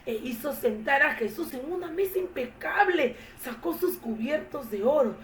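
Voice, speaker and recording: A woman telling a Bible story to children in an expressive, animated way. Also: sits high, moderate pace, far from the mic. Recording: echoey room, faint noise.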